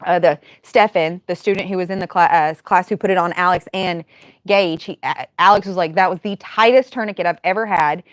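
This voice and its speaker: A woman in her thirties hosting a casual livestream Q&A, chatty and quick to laugh, with many fillers and restarts. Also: lowish voice, steady tone, no room sound. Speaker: livestream host and firearms medical instructor.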